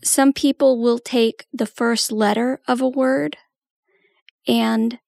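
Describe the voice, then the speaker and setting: A woman's voice: on the high side, steady tone, slow pace, vocal fry, darkish tone, no echo, studio quality. A woman giving a patient, step-by-step tutorial walkthrough as a trainer. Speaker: assistive technology trainer.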